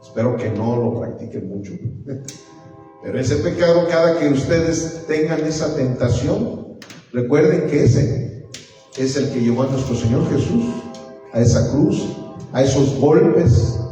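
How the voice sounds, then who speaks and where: Heard from a distance in an echoey hall with faint room noise, a man leads an evangelism class at church, asking students to read out verses in a preachy, encouraging way. His voice is a little high with a dark tone.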